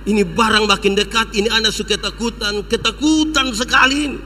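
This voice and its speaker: Man, preacher, high voice, dramatic sermon, long hall reverb. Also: brisk, bright, forceful tone, slight background noise. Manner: dramatic, addresses congregation directly. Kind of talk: sermon storytelling.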